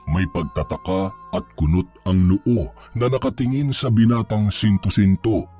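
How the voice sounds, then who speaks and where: A man narrating a scripted horror story in a measured, suspenseful storytelling manner. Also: on the low side, mellow.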